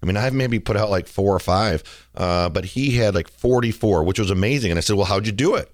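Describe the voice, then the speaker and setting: A middle-aged man hosting a podcast, telling stories in a relaxed, joking way with plenty of fillers. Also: on the low side, fairly quick, no echo, clean studio sound. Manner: chatty, jokey storytelling with fillers. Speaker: podcast host. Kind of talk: casual podcast monologue.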